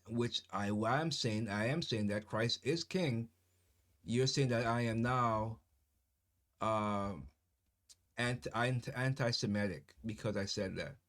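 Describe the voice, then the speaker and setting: A man giving solo political commentary to his viewers, speaking passionately, with emphatic, repetitive phrasing. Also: medium pitch. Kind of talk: casual solo commentary to camera.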